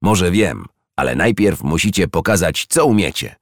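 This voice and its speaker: A stern, grumpy spirit of the mine from a storybook, as a man puts him on. He speaks gruffly and grudgingly in a low voice. The recording is dry. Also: expressive, moderate pace, no room sound.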